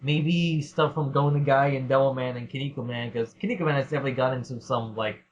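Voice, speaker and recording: A man's voice: medium pitch, steady tone, fast. A man hosting a casual podcast Q&A, rambling and laughing as he reads out listener questions. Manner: rambling, laughs often, swears. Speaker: podcast host. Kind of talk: casual Q&A chat. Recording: dull lo-fi sound.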